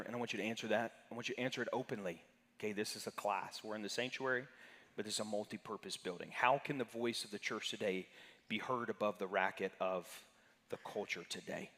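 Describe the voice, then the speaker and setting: A man's voice: lowish voice, fast talker, fairly bright tone. Pastor man teaching in an echoing sanctuary. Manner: conversational, questions the congregation by name. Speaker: pastor teaching a Sunday class. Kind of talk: interactive church teaching. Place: church sanctuary. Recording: reverberant sanctuary hall.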